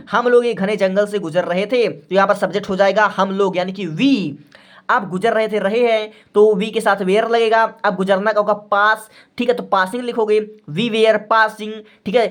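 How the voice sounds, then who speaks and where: A man's voice: sits high, a bit bright. A male teacher giving a spoken grammar lesson to students. He is patient and repeats himself often, spells words out letter by letter, and keeps checking in with the class.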